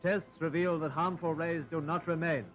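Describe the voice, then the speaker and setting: A man reads an old 1940s newsreel in the formal, dramatic manner of a period announcer. His voice sits a little high. The archive sound is dull and lo-fi, with faint music running underneath. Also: steady tone, moderate pace. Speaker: newsreel narrator.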